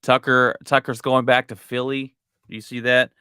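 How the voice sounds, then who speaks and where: A male podcast host with a bright, forceful voice that comes through smooth and crisp. He chats casually about sports, restarting phrases as he goes. The sound is dry and close. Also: mid-range voice, little pitch movement, normal speed, dry recording. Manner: conversational, often restarts phrases.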